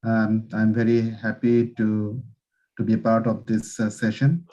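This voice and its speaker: A man introducing himself in a video meeting, earnest and hesitant with many pauses. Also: lowish voice, monotone, mellow, highs cut off. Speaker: meeting participant. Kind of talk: self-introduction on a video call. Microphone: video call.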